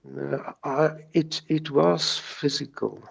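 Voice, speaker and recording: Recounting in an interview how he recovered from a stutter, a middle-aged man with a South African Afrikaans accent, native in Afrikaans, talks slowly. His voice is slightly high and husky with vocal fry, and he stutters, repeating sounds and words.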